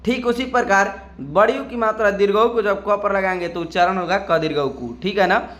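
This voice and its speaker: A man teaching a step-by-step lesson who keeps asking "ठीक है ना" and recites letters slowly, one by one. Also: high-pitched, a bit bright. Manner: repeats "ठीक है ना" often; slow, drawn-out letter-by-letter recitation.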